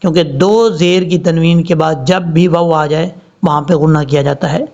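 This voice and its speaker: A man with a high voice teaches Quran recitation one word at a time. He draws each word out slowly and then explains the rules in plain speech. The recording sounds dull and lo-fi. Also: level tone, vocal fry, a little mellow. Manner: slow drawn-out recitation between plain explanations.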